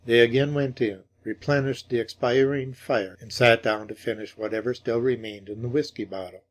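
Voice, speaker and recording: A man narrating a classic ghost story in measured, dramatic audiobook style. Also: medium pitch.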